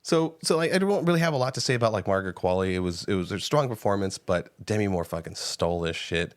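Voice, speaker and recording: A man co-hosting a podcast, giving a casual, animated movie review with frequent swearing and laughter, close on the mic. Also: fairly low pitch, fast talker, no room sound. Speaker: podcast co-host. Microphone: close studio mic.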